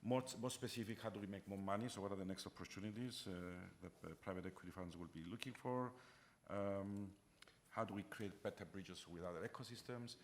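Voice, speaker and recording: A man moderating a panel discussion, halting, with many fillers and restarts. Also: on the low side, slight background noise.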